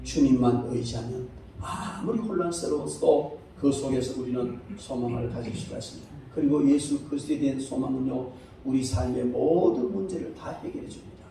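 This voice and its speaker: Male pastor, high and mellow voice, emphatic preaching with loud peaks and soft asides, heard from off-mic in a reverberant sanctuary. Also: normal speed, gravelly, recorded from a distance, slight background noise. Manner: emphatic preaching, swinging between loud high exclamations and low quiet asides. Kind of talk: sermon. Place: church sanctuary. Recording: echoey church hall, speaker away from the mic.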